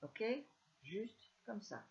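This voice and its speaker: A woman with a northern French accent giving a live scrapbooking tutorial, chatty and soft-spoken, with many fillers. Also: mid-range voice, animated, very slow, gravelly, dull audio. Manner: speaks softly, chatty, many fillers like "alors" and "hein". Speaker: scrapbooking demonstrator.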